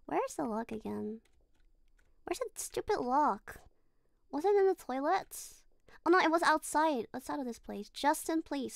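This woman has a high, slightly bright voice with vocal fry, recorded with no echo. A VTuber streaming a horror game, she chats casually during the livestream, giggling and talking to her character.

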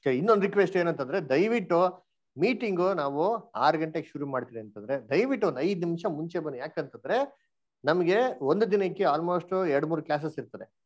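A man leads an online Bible study, quizzing his listeners and dropping English words into his speech. His voice sits a little high for a man. The call audio is dull and lo-fi. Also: expressive, moderate pace. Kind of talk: online Bible class teaching.

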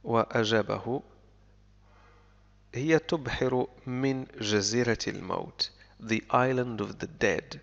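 Slow, gravelly-voiced male teacher. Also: medium pitch, fairly bright tone. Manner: reads each phrase slowly, then explains it. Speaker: English teacher. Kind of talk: bilingual story lesson. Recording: lo-fi with long reverb.

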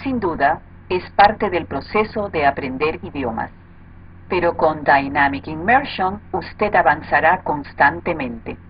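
A woman delivering smooth, measured, persuasive promotional narration as a voice-over. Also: low voice, animated. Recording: dull lo-fi audio with faint noise.

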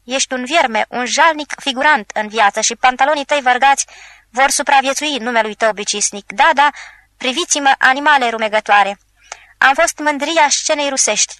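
Woman voicing drunken old actor man, bombastic, scornful, raised pitch, audiobook. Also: fairly bright tone, no echo. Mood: raging. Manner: ranting, theatrical insults.

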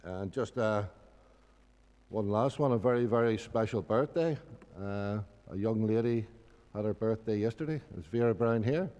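Speaking at normal speed in a lowish, slightly mellow voice, a middle-aged Northern Irishman reads informal announcements at a lectern. The gooseneck microphone picks up the reverberation of the indoor church hall.

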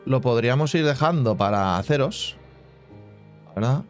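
Man, casual gameplay commentary, thinks out loud, hums sound effects, mid-pitched voice, soft music behind. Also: lively intonation, normal speed. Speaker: gaming channel host. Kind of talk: casual let's-play commentary.

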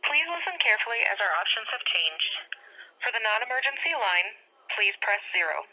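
Bright recorded phone menu message. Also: mid-range voice, very animated, normal speed. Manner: clear, formal, evenly paced instructions. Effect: recorded phone menu message heard over a phone line. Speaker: automated phone menu greeting. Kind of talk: scripted automated announcement.

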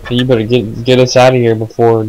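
A man's voice: medium pitch, little pitch movement, fast, a little mellow, poor audio. A man chatting casually while playing a video game, rambling with lots of fillers and swearing. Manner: rambling, filler-heavy, profane. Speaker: gamer. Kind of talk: casual let's-play chat.

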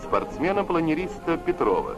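A man's voice: fairly high pitch, very animated, normal speed. A man narrating an old Soviet newsreel in a formal, declamatory announcer delivery. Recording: muffled vintage newsreel soundtrack with music.

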